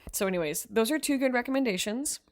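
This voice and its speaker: A woman's voice: fairly high pitch, expressive, fast talker. A woman teacher co-hosting a podcast, chatting earnestly with lots of fillers. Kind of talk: casual chat.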